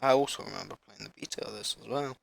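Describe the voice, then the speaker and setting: A man with a sore throat, a medium-pitched voice with vocal fry, hosts a gaming channel in a casual announcement vlog, with a little hiss or hum audible. He rambles apologetically while haltingly reading a list.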